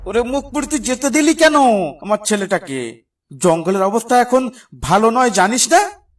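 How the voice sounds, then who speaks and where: A man's voice: extremely high pitch, very animated, moderate pace, far from the mic, a little hiss or hum. A man voicing an anxious village father in a cartoon, stammering and fretful.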